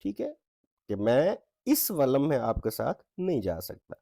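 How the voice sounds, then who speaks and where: Guy teaching english, mellow voice, dry close sound, keeps asking if you got it. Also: mid-range voice, very animated, vocal fry, dry recording. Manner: reads English lines slowly with stress, asks "ठीक है?" often. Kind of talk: explaining a textbook exercise.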